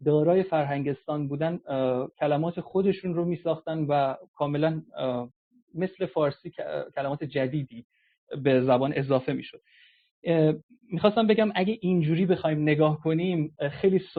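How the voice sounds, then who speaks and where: A man whose first language is Gilaki, explaining ideas hesitantly in a casual live audio chat, pausing on drawn-out filler sounds. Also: mid-range voice. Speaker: discussion speaker. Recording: tinny phone-like audio-app line.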